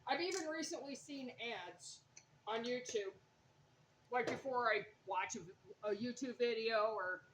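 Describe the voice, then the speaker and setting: A woman's voice: a little high, measured pace, background noise. A woman chatting casually through a cooking vlog in her home kitchen, rambling and laughing often between remarks. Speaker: vlogger.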